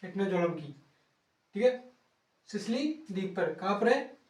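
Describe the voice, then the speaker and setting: A man with a high, bright voice teaches exam-prep geography. He drills key words through repetition and playful rhymes, pausing to write. The sound is distant and echoey, as if caught by a camera across a classroom. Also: lively intonation. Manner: pauses to write on a board, drawing out words. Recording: roomy sound from off-mic.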